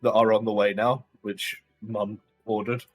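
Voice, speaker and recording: A man's voice: on the low side, flat delivery, measured pace, soft background music. A man chatting casually as a player in an online tabletop game, joking and laughing often. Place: home computer desk.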